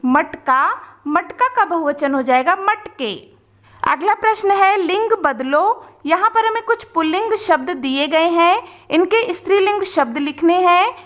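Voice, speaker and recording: High-voiced woman teaching a worksheet. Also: lively intonation, fairly bright tone. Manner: slow, patient dictation of each sentence. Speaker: teacher and channel host. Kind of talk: worksheet lesson for young children.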